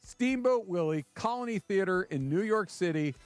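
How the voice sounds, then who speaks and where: A man's voice: sits high, lively intonation, moderate pace, no echo, faint music behind. A man co-hosting a casual sports radio show, dry and wisecracking.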